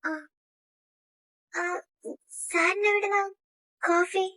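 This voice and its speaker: A woman's voice: very high-pitched, little pitch movement, very slow, bright, forceful tone, heavily acted. A woman voicing a timid young female personal assistant who pleads and defends herself. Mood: defensive.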